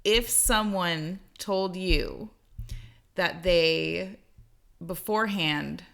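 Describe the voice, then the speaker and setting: A woman's voice: lowish voice, drawn-out words, creaky, a bit bright. A woman in her thirties co-hosting a podcast, telling a dating story in a rambling way full of fillers. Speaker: podcast co-host. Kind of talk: casual chat.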